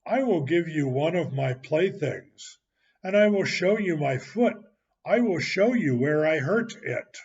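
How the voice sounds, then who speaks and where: A man's voice: a little high, animated, measured pace, darkish tone. A man reading a story aloud and voicing a crafty, coaxing boy, on a muffled recording. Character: crafty boy Tom, persuasive and sly.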